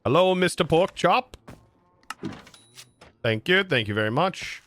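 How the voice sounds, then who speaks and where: A man's voice: fairly high pitch, animated, unhurried, fairly bright tone, slight background noise. An American man streaming a game, chatting casually and answering his chat in disbelief. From United States. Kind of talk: casual livestream chat while gaming.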